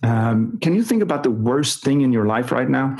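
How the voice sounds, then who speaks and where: A man's voice: mid-range voice, big pitch swings, normal speed, darkish tone, breathy edge, soft background music. A man who works as a performance coach, telling an anecdote in an interview and animatedly acting out the dialogue with frequent chuckles. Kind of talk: conversational storytelling in an interview.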